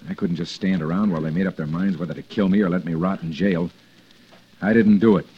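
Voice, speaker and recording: A man's voice: sits low, steady tone, quick pace, slight background noise, lightly acted. An actor playing a hard-edged man on the run after a false accusation, in clipped, insistent old-time radio drama style. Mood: determined. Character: hard-edged male fugitive wrongly accused. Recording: dull lo-fi old radio recording.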